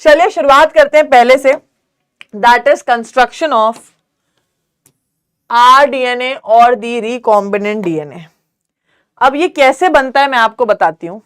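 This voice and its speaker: A young woman runs a live online biology lesson, slipping English terms into her Hindi. Her voice sits a little high and comes through smooth and clear. She talks slowly and keeps checking whether the class is following. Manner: calls students "beta", quizzes them, asks if it's clear.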